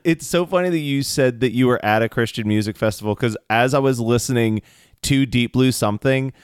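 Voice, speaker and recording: Relaxed male co-host, smooth resonant voice, dry recording. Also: medium pitch, a little fast, dry recording. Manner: relaxed, fills in with "like". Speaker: podcast co-host. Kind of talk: casual chat.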